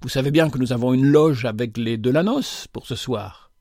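A man's voice: medium pitch, moderate pace, darkish tone, no echo, studio quality, close to an everyday voice. A man voicing a haughty, impatient rich young woman who talks with scorn.

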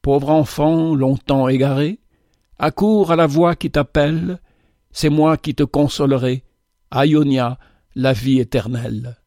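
A man's voice: medium pitch, fairly even intonation, measured pace, mellow, dry recording, clean studio sound, lightly acted. A man reading aloud, reciting the consoling verse of a luminous, angelic woman in his own voice. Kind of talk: dramatic audiobook reading.

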